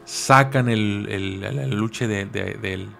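A man's voice: lowish voice, slow, creaky, sharp tone, soft background music. A man telling a folk legend casually, with slang asides and repeated words. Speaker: storyteller. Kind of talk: casual oral storytelling.

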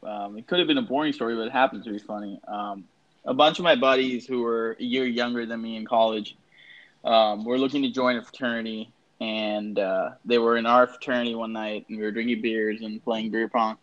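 A young man in his twenties telling a funny story in a relaxed, animated way on a podcast. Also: medium pitch, brisk, lo-fi sound. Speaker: podcast co-host. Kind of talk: casual storytelling.

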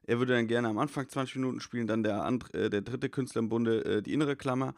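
A man comedian rattling off animated stories about his stage gigs in a casual chat. He talks quickly, and his voice sounds close and dry, with no room sound around it. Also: mid-range voice, creaky, no room sound. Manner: rapid, animated anecdote-telling.

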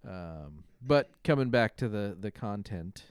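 A man's voice: on the low side, lively intonation, unhurried, clean tone, dry recording. A man co-hosting a podcast, talking in a rambling, hesitant way about music. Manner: rambling, hesitant, lots of fillers and restarts. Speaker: podcast co-host. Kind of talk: casual chat.

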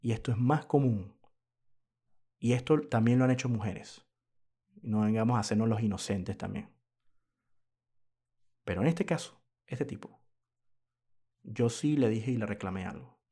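A man's voice: on the low side, moderate pace, long pauses, warm tone, husky. A man hosting a podcast, telling a story in a casual monologue, indignant and moralizing, throwing rhetorical questions at his listeners. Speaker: podcast host.

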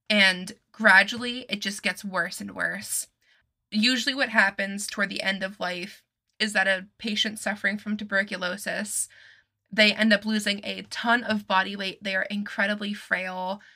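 A creaky, pushed and bright mid-range voice belongs to a podcast host, a young Massachusetts woman who chats through a casual true-crime show and swears liberally. Illness has left her sounding a little nasal and strained.

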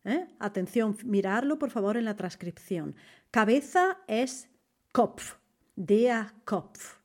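A woman teaches German in a podcast lesson. She takes her time, says each German example slowly and deliberately, and explains with asides and self-corrections. Her voice sits a little high and her pace stays unhurried. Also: sing-song, darkish tone.

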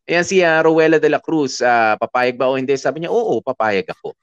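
A man hosting an advice show chats casually in Tagalog with English mixed in, reading listener comments aloud and using lots of filler sounds while nursing a sore throat. His medium-pitched voice is clear and resonant, fairly quick, with lively intonation, in a dry, lo-fi recording.

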